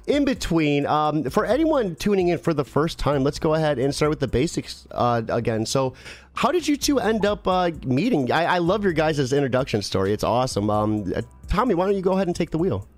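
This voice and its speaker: A man's voice: a little high, very animated, fairly quick, no echo, soft background music. A man in his thirties hosting a casual interview, enthusiastic and full of fillers. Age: 30s. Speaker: interviewer, host. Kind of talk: casual video-call interview.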